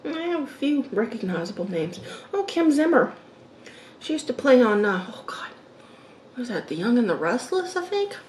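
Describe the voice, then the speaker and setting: A woman's voice: fairly high pitch, very animated, a little mellow, distant mic. A woman in her fifties chatting casually to viewers while she eats, musing aloud between mouthfuls and murmured mms. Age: 50s. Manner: eating while talking, with mm sounds and pauses. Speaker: mukbang host. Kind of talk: casual mukbang chat to viewers. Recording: roomy echo, background noise.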